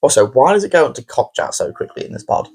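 Lively man reading out messages. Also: mid-range voice, quick pace, slightly rough. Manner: animated, giggly, reads listener messages aloud. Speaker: podcast co-host. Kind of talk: casual chat.

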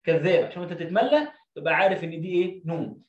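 A man's voice: on the high side, lively intonation, a little mellow, far from the mic. A man with an Egyptian accent teaching an Arabic reading lesson, stretching words out syllable by syllable. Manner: drawn-out syllable-by-syllable drilling. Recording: roomy, dull lo-fi sound.

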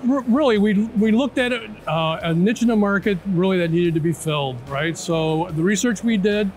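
With a high-pitched, darkish voice at normal speed, a man in his fifties walks an interviewer through a product one step at a time. He keeps asking "right?" and "okay?" to check in, and music runs beneath the conversation on the big indoor trade show floor.

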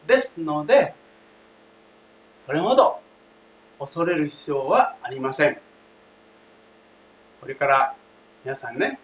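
A man's voice: sits high, a bit bright. Male language teacher, emphatic, repeats key points, talks to the class, echoey room, mic at a distance, light hiss. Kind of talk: classroom lesson.

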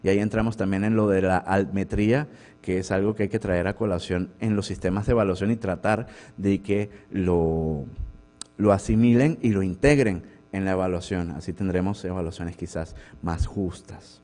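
A Venezuelan professor with a low-sitting, steady, mellow voice gives an academic conference talk in a university lecture hall at normal speed. He keeps it conversational, checking in with the audience through rhetorical questions.

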